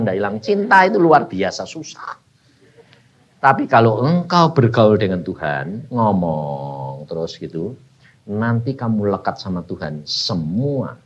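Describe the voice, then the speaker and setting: A man's voice: lowish voice, breathy edge, lo-fi sound. An older man, preaching a sermon, telling stories animatedly and laughing often. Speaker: evangelist preacher.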